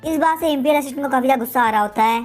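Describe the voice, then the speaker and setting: A woman narrating a comic story recap in a rapid, animated storytelling manner. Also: high voice, faint music behind.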